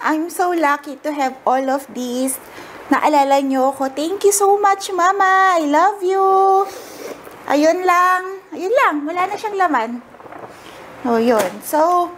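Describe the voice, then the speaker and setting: A young woman from the Philippines talks through gifts at home in a high voice full of excitement. She gushes, squeals and laughs easily. Faint room ambience sits under her casual chat. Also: a little hiss or hum. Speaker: vlogger. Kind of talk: casual unboxing haul chat.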